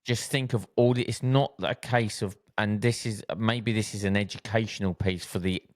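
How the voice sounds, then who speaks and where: Earnest low-voiced male podcast co-host. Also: fairly even intonation, normal speed, no room sound. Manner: earnest, emphatic, repeats key points. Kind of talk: casual podcast chat.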